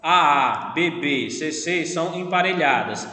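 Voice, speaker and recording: A man's voice: on the high side, lively intonation, unhurried, pushed and bright. Brazilian male teacher in echoey room. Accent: Brazilian Portuguese. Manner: explains patiently, often checks with "né?". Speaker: literature teacher. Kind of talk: online class lecture. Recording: echoey room with long reverb.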